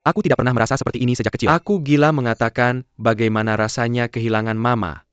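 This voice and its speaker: A man's voice: medium pitch, steady tone, fast talker, clear, resonant tone, no room sound, lightly acted. A man dubbing a defensive husband. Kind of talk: dubbed drama dialogue. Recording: dull lo-fi dub with music behind.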